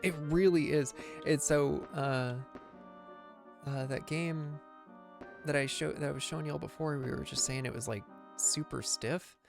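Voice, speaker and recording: A man's voice: a little high, fairly even intonation, measured pace, creaky, music in the background. A man chatting casually as he streams a video game playthrough. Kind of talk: casual live playthrough chat.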